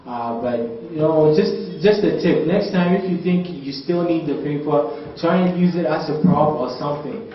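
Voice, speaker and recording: A man judging a talent show, giving casual, mild feedback with tips softened by praise. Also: fairly high pitch, normal speed, few pauses. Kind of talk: casual spoken feedback to a contestant. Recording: echoey hall, distant dull microphone, faint noise.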